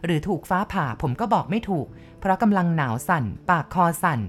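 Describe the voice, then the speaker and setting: Low-voiced woman reading a ghost story. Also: expressive, faint music behind. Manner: measured, vivid descriptive narration of a male first-person narrator.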